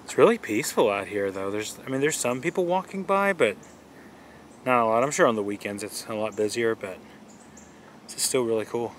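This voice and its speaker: With a mid-range voice, lively intonation, and a slightly fast pace, a vlogger gives easygoing, enthusiastic commentary as he walks along a riverside outdoors. There is slight background noise in the clip.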